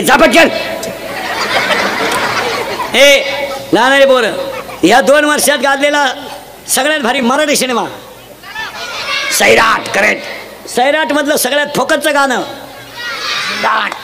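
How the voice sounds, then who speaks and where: A man preaching a humorous devotional sermon, punchy and jokey, quizzing the crowd with sharp calls. He speaks into a stage mic at an outdoor gathering. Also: very high-pitched, slow pace, vocal fry, pauses often. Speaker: kirtan preacher. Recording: loud crowd and heavy background noise.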